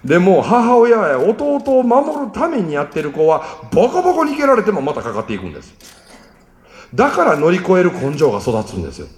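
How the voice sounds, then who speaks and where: A man's voice: high-pitched, fairly quick. A man with a Kansai accent telling a story about raising his children, acting out the lines of his family. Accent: Kansai Japanese. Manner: animated, acts out family dialogue. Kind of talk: storytelling talk. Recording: echoey hall with long reverb.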